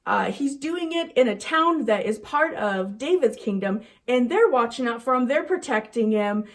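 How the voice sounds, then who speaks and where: A young woman teaching a children's church lesson, telling a Bible story in an animated, chatty way. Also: fairly high pitch, moderate pace.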